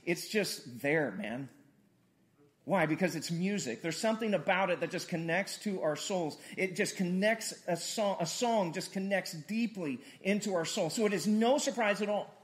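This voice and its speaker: A male pastor delivering a sermon with a high-pitched voice. He talks in a loose, conversational way, joking with the congregation and calling for responses. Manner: lively, conversational, jokes with congregation.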